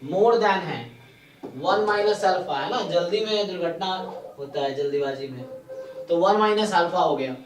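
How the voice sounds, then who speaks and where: A man giving a live statistics lecture, stepping through each idea slowly and often stopping to ask his students questions. He mixes English terms into Hindi with an Indian accent. The sound is roomy and a bit distant from the mic. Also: high voice. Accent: Indian English terms mixed into Hindi. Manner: slow, deliberate explanation with frequent checking questions. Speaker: statistics teacher. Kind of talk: live online exam-prep lecture.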